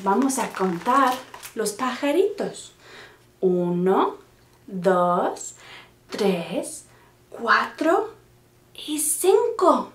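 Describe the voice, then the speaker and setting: A woman librarian reads a picture book aloud to small children, fairly high-voiced and unhurried, drawing out each word. She coaxes the little ones to hush and count along. The room adds a roomy echo. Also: sing-song. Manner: slow, gentle, coaxing storyteller who hushes and counts with the children. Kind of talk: picture-book story time for young children.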